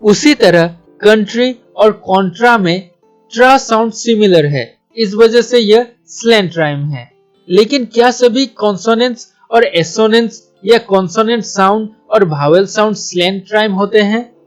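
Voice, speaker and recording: High-voiced man teaching a poetry lesson. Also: a little slow, soft background music. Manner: steady, methodical, mixing English terms into Hindi. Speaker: literature teacher, channel host. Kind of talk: scripted explainer lesson.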